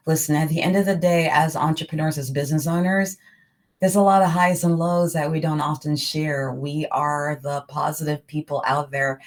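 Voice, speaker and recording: A woman from New York hosting an online interview show, energetic, enthusiastic and quick to laugh, heard over a video call. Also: low voice. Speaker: talk show host.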